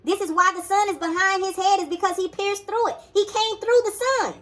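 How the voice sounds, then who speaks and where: A woman's voice: very high voice, steady tone, a little fast, fairly bright tone. A woman giving a blunt, profane motivational sermon to her listeners, casual and slangy, repeating her commands with emphasis. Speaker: spiritual teacher.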